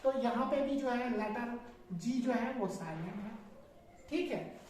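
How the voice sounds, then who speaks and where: High-voiced woman teaching in an echoey room. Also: animated, measured pace, a little mellow, far from the mic, a little hiss or hum. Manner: spells words letter by letter and quizzes with repeated questions. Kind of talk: classroom lesson on spelling.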